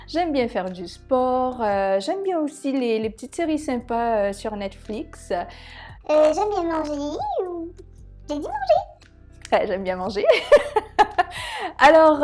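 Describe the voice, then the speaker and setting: A woman's voice: a little high, a little mellow. A woman in her thirties from Mauritius introducing her hair care channel in a casual, chatty way, with frequent hesitations and small self-mocking laughs. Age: 30s. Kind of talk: casual vlog presentation.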